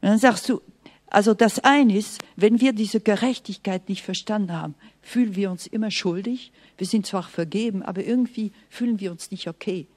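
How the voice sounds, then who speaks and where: Woman preacher, sermon, emphatic, earnest, soft hushed asides, talks straight to the listener. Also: mid-range voice, normal speed. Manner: speaks directly to the listener, often asking "Okay?".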